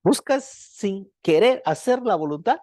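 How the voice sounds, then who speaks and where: A preacher in full sermon mode, pelting the congregation with rhetorical questions and checking in with a steady "right?". The voice sits at a middling pitch and swings between strong lines and hushed, drawn-out ones. It is recorded close and dry, with no room sound around it. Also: no room sound. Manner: checks in with repeated "¿verdad?"; loudness swings widely, dropping to hushed lines.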